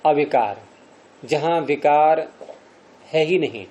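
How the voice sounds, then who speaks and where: A man's voice: fairly high pitch, takes it slowly, dark tone. A man teaching a classroom lecture on Sanskrit grammar, explaining step by step and quizzing his students as he goes.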